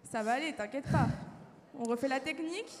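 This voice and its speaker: A woman's voice: high-pitched, brisk, close to an everyday voice. A woman acting an upbeat, pedantic young crash survivor who lectures with many fillers, in a live stage sketch. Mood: soothing. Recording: reverberant hall with faint background noise.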